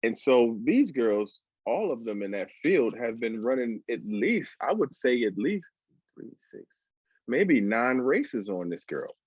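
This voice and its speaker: Joking man on a husky video call. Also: mid-range voice, sing-song, no room sound, highs cut off. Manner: joking, laughing, quick asides. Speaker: co-host joining by video call. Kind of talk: casual chat.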